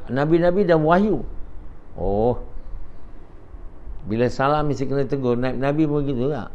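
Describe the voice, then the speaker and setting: A man's voice: mid-range voice, darkish tone. Older male preacher, chatty lecturing with rhetorical questions, muffled lo-fi recording with a faint hiss. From Malaysia. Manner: conversational, rhetorical questions, quoted dialogue. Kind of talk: after-dawn religious lecture. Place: home prayer gathering. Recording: dull lo-fi recording, faint noise.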